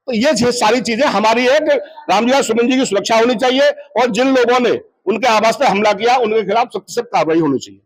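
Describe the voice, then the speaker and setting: A man's voice: very high-pitched, fairly quick, hardly any pauses, rough recording. A party leader, a man, giving a formal statement to reporters, using honorifics and stopping to restart phrases.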